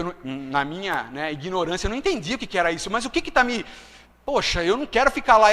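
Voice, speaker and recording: A man's voice: sits high, sharp tone, in a large hall. A man preaching a testimony sermon, chatty and full of tag questions. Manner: conversational, frequent tag questions.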